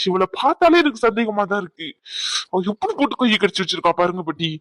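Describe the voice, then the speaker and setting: With big pitch swings and a fast delivery, a man gives a high, fairly bright voice to a playful cartoon youth who keeps ribbing his friends and laughs often. The studio sound is clean, with no room echo.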